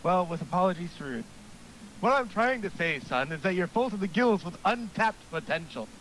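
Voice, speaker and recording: A beefy, cheerfully clueless monster coach, put on by a man who booms every line with upward energy. The voice sits higher than usual and swings in pitch. A light noise floor hangs under it. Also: big pitch swings, normal speed, fairly bright tone, rough recording. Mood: eager. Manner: booming, cheerfully oblivious. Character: gung-ho male monster gym coach.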